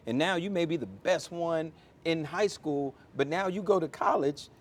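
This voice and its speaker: In a fairly high voice at a normal speed, an American airport chief executive in middle age answers an interviewer conversationally. He comes across as emphatic and motivational, telling stories and using examples to make his points.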